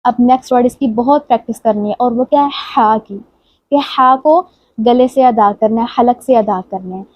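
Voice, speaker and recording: A woman teaching tajweed, patiently explaining each sound and reciting the words slowly and drawn out. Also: fairly high pitch, no echo, dull audio. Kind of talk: tajweed lesson with slow recited examples.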